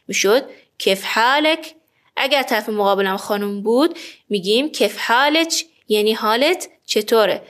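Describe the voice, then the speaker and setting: A woman teaching a spoken language lesson, saying each phrase and then repeating it slowly and clearly. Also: fairly high pitch, a bit bright.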